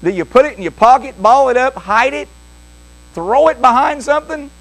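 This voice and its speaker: Older pastor, man, high tenor, folksy jokey storyteller in the pulpit. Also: normal speed, poor audio. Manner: homespun, jokey, lively delivery.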